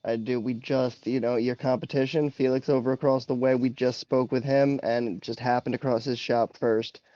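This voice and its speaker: A man's voice: mid-range voice, level tone, moderate pace, warm tone, dry recording, dull audio. A man talking casually as a player in a tabletop game, improvising his character's moves. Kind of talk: casual improvised role-play talk.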